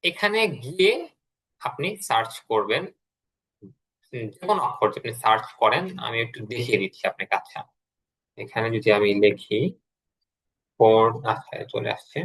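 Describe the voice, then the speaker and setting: Bright-voiced male teacher drilling words. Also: medium pitch, moderate pace, long pauses, husky. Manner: explains step by step, repeats words for drills. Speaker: English teacher. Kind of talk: online class lesson.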